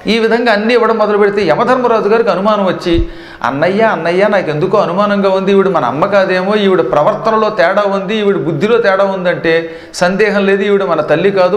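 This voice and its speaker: A man giving a devotional discourse, telling a scripture story in a conversational way with humorous asides. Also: high voice. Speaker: religious discourse speaker. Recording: echoey hall reverb.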